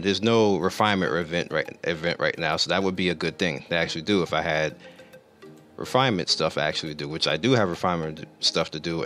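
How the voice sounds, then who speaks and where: Deep-voiced man explaining game menus. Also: fairly bright tone. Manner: rambling, self-correcting, explains while clicking through menus. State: losing his voice. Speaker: gaming channel host. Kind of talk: casual gameplay commentary.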